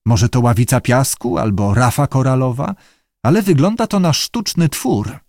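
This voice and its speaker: A man's voice: medium pitch, animated, normal speed, a little mellow, dry recording, clean studio sound, lightly acted. A man voicing a wary ship captain in an audiobook, muttering his thoughts tersely. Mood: wary musing.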